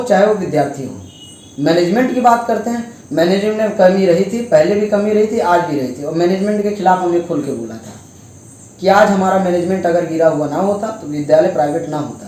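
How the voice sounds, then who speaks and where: A man's voice: sits high, warm tone. A young man, a student, giving impassioned interview answers full of emphatic rhetorical questions. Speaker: student speaking out. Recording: very echoey with faint noise.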